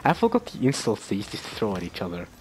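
A man's voice: lowish voice, wildly swooping pitch, fast talker, a little hiss or hum. A young man vlogging in a casual, rambling way, with many fillers and restarts, often breaking into laughter. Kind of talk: casual chat.

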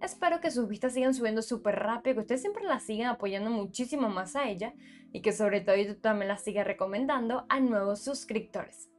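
A woman with a slightly high voice narrates a screen tutorial for her channel. She explains each figure steadily and methodically, guiding the viewer step by step. Soft background music runs quietly under her voice. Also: brisk. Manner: steady, explanatory, walks through numbers step by step. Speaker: YouTube channel host.

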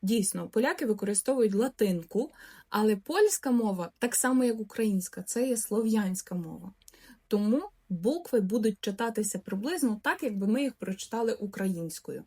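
Woman teaching Polish, drawn-out example words. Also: mid-range voice, lively intonation, darkish tone, slightly rough. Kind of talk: language lesson.

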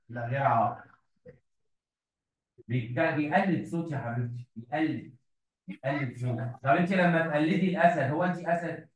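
A fairly high-pitched man speaking Egyptian Arabic, running a revision lesson in a classroom. He coaxes his students patiently and says the key points again and again. The sound is roomy and echoey, picked up from some distance away. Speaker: English teacher. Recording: echoey room, mic at a distance.

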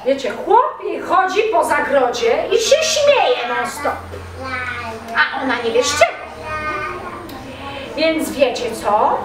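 High-voiced woman telling folk tales live. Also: takes it slowly, long pauses, crowd noise. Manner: lively, chatty, addressing the audience. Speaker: storyteller. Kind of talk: live performative folk storytelling. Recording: echoey room from a distance with audience.

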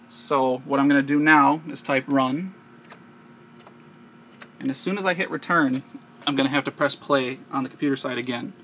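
Noisy amateur audio from a handheld camera captures an American man from the United States explaining a hands-on tech tutorial step by step, unscripted. He speaks at a medium pitch with a sharp tone.

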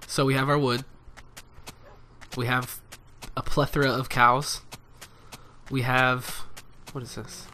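A man's voice: medium pitch, flat delivery, slow pace, long pauses, pushed and bright, a little hiss or hum. A man commenting casually and jokingly on his own gameplay, talking to the animals and monsters on screen. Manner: playful, jokey, talks to animals and mobs. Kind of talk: casual let's play commentary.

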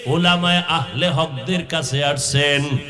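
A man's voice: takes it slowly, music in the background. Man chanting a sermon in long wails. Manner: chanting melodic cadence, rising to long high wailing cries. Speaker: preacher. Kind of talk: sung Bengali waz sermon. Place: large outdoor gathering.

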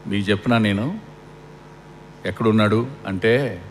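A man's voice: on the low side, measured pace. A middle-aged man preaching a funeral sermon, asking rhetorical questions and repeating lines for emphasis. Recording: long hall reverb with faint air-conditioning hum.

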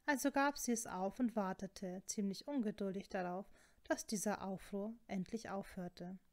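A woman narrating a fan fiction story in a steady, even reading voice. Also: mid-range voice, moderate pace.

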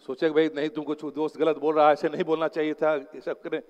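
A man's voice: a little high, flat delivery, fast, muffled recording. A man giving a motivational seminar talk as an exam coach, telling stories and mixing English phrases into his Hindi. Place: lecture hall. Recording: long hall reverb.

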